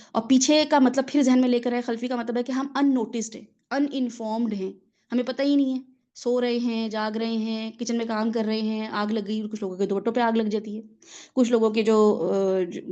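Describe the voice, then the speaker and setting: A woman's voice: fairly high pitch, dark tone, lo-fi sound. A woman who is a mother gives a conversational religious lesson, explaining patiently with everyday examples and often checking in with her listeners. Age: adult mother of children. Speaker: religious teacher.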